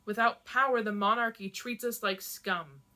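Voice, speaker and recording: A young rebel girl lashes out in anger and fear, her voice unsteady, as a woman reads her aloud. The tone is bright and cutting. It is a plain read-aloud of a novel. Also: mid-range voice, moderate pace, natural voice. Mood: furious. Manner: heated, shaking with anger.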